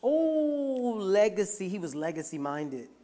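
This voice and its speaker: A workshop leader talking with a group, energetic and conversational, often checking in with the audience. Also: medium pitch, normal speed. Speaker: teacher leading a workshop. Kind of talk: interactive group discussion.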